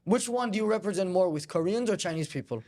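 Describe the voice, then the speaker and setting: A man hosts a confrontational but casual debate interview, firing off needling questions in a hesitant, stop-and-start way. His high voice is animated and fast, with a darkish tone.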